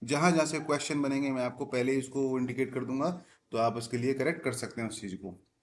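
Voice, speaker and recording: A man explains a classic play line by line in a mid-range voice. He reads each English line slowly and with stress, then explains it in a relaxed, conversational way. He speaks to his viewers as friends throughout. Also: mid-range voice, slight background noise. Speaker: English literature teacher.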